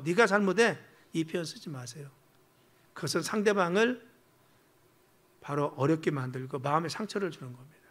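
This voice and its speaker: A male pastor preaching to his church in a high, light voice. He teaches step by step and has the congregation repeat key phrases. Now and then he acts out short family arguments in quoted lines. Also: a bit bright. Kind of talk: sermon. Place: church sanctuary.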